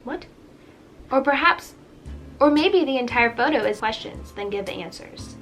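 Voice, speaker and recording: A woman's voice: on the high side, animated, normal speed, a bit bright, faint music behind. A teenage girl recording narration for a school project, stumbling, restarting lines and muttering asides to herself. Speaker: student vlogger. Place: bedroom.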